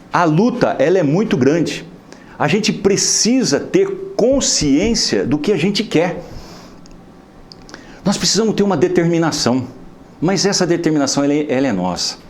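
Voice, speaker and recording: Speaking at a normal pace with a voice on the high side, this man with a Brazilian Portuguese accent gives an inspirational lecture with a humorous story at a spiritist center. His style is lively and chatty, loaded with tag questions.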